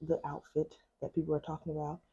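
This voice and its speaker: A woman's voice: low voice, completely flat delivery, fast, husky, lo-fi sound. A woman co-hosting a casual home podcast chat late at night, keeping her voice down so the kids stay asleep. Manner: talking quietly late at night. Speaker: podcast co-host. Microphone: podcast mics.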